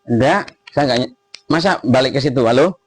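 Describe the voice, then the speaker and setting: Man, mid-pitched, interrupting, corrective, repeats words in bursts, live online debater. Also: normal speed.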